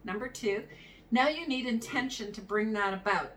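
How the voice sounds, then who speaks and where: A woman's voice: a little high, moderate pace, fairly bright tone. A middle-aged woman talks through advice for running a practice, easy and conversational, chuckling now and then. She sits a little back from the mic. A faint hiss runs behind her voice. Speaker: practice management consultant. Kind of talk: solo advice talk to camera. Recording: somewhat distant mic with faint background noise.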